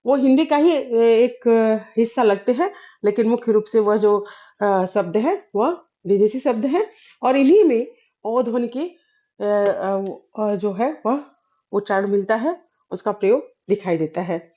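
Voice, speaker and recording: A woman with a fairly high yet mellow voice teaches a Hindi grammar lesson. She explains slowly, pausing and filling gaps, and often clears her throat. The recording sounds dull and lo-fi. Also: lively intonation. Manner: explains slowly with many fillers and pauses.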